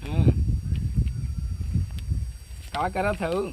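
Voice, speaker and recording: Speaking extremely slowly in a high voice, a comedian performs a phone-call skit with an eastern Uttar Pradesh Awadhi accent. He rambles, repeats himself and complains in a casual way, recorded outside with plenty of noise around.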